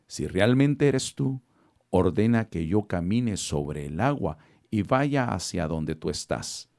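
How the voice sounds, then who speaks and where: Male reader voicing Peter, earnest grown fisherman disciple; low dark tone, measured. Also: expressive, full character voice.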